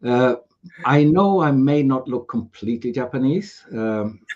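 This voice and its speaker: A man's voice: mid-range voice, lively intonation, unhurried, highs cut off, a little hiss or hum. A man from Sweden, a guest on a casual video-podcast interview, talking in a jovial, joking way that drifts into tangents. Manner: jovial, tangent-prone, laughs easily. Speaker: podcast guest, pharma business advisor. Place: home room with air conditioning.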